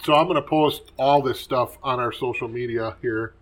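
A man's voice: medium pitch, normal speed. A man co-hosting a podcast, chatting casually while eating. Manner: relaxed, chatty, laughs easily. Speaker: podcast co-host. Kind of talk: casual chat over food.

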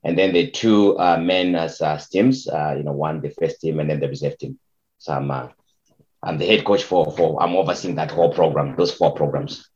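A man's voice: rumbling low, fairly even intonation, moderate pace, darkish tone, muffled recording. A man from Zimbabwe, a soccer coach, answering interview questions in a hesitant, filler-heavy way. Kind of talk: casual interview.

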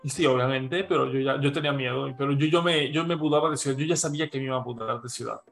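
A man, telling a gossipy story in animated casual chat with a co-host. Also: medium pitch, fast, vocal fry, soft background music. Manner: animated gossipy storyteller, calls listener "hija".

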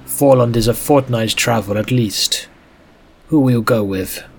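A man voicing a stern, gruff father who is suspicious and protective. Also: mid-range voice, unhurried.

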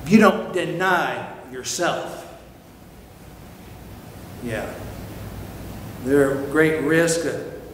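A man preaching a sermon, emphatic and animated, firing rhetorical questions, recorded in an echoey church hall. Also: fairly high pitch, a little hiss or hum. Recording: echoey hall with long reverb.

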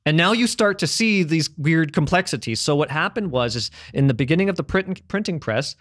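This man's voice is on the high side and a bit bright, animated and slightly fast. Chatting casually, he rambles enthusiastically about language history, restarting often and dropping the odd curse. Raised speaking English and French at home, English first, he's captured in studio quality with no room sound.

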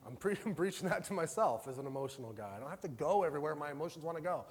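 A man preaching a sermon, passionate and conversational, swinging between loud bursts and soft, quiet stretches. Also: a little high, animated, racing, slightly rough, long reverb tail. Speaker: pastor.

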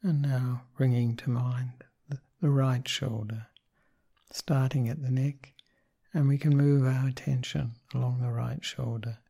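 A man guides a meditation very slowly and gently. His voice is soft and dark, with a gravelly, breathy grain. He gives short soothing instructions and lets each one settle before the next. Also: mid-range voice, fairly even intonation. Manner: gentle, unhurried, pausing between short phrases. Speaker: meditation teacher leading a guided meditation.

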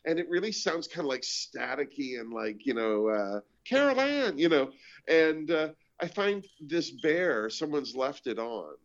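Comedian host from Canada, mid-pitched man, animated storyteller who slips into quoted voices; muffled lo-fi audio. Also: unhurried. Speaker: comedian and show host, guest. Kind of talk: casual chat, storytelling. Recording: dull lo-fi audio.

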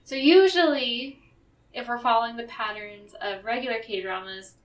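A woman's voice: on the high side, normal speed, distant mic. A young woman co-hosting a casual podcast chat, laughing often and filling her talk with "like". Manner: chatty, laughs often, heavy use of "like". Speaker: podcast co-host. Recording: echoey room, away from mic.

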